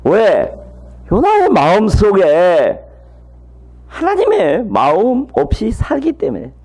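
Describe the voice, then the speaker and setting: Male preacher, high voice, wildly swooping pitch, lively storytelling, rhetorical questions. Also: slow. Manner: animated storytelling with constant rhetorical questions to the congregation; folksy, humorous asides. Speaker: missionary preacher. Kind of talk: sermon.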